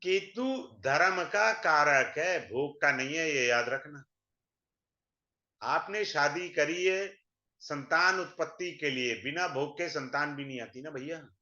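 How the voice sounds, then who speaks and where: A man's voice: a little high, slow pace, bright, forceful tone. A man teaching an astrology class in a chatty, blunt way, mixing in English phrases. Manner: chatty, mixes Hindi and English, blunt asides. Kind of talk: informal online class lecture. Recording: dull lo-fi sound.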